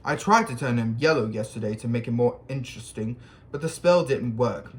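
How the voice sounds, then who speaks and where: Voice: mid-range voice, expressive, a little fast, voice pushed down, natural voice. A reader doing Ron, an offhand cheeky schoolboy.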